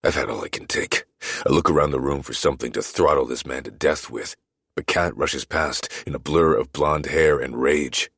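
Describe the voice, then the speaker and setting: A man narrating a dark romance audiobook in the first person, in a brooding, measured way. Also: extremely low pitch, steady tone, slightly rough, no room sound, studio quality.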